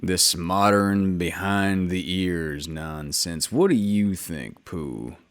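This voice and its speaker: A man voicing a gloomy old male donkey who grumbles slowly and mournfully. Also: deep voice, voice pushed down, heavily acted. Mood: grumbling.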